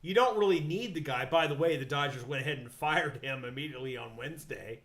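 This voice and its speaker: A man's voice: a little high, fast, a bit bright. A man co-hosting a casual sports talk show, rambling, swearing and laughing often. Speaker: podcast co-host. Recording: echoey room.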